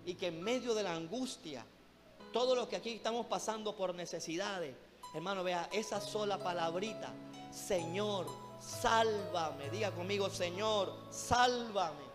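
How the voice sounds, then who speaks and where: Fervent male preacher, rather high voice, long church reverb, background music. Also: brisk. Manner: fervent, keeps calling listeners "brother", rhetorical questions. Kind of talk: sermon. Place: church hall.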